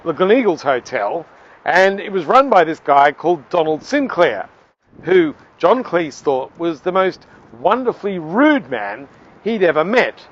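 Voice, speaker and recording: A man giving a playful, lively piece to camera outdoors by the seaside as a communications trainer, with a few hesitant fillers. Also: on the high side, measured pace, dull audio.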